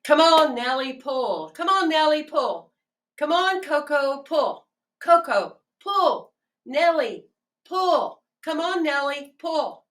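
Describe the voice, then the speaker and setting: Kindly rural farmer who shouts high to his horses, told by a woman minister, slow, with faint music and a distant mic. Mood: calling out. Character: friendly country farmer man with horse cart.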